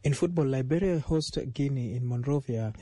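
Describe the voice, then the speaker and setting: Mellow male sports news reader. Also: medium pitch, moderate pace, no room sound. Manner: formal news reader delivery. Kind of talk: scripted sports news reading.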